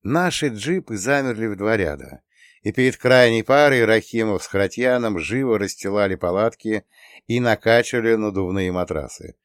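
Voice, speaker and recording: A man narrating an adventure audiobook in the first person, with steady storytelling. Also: lowish voice, moderate pace, no room sound, studio quality. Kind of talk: scripted narration.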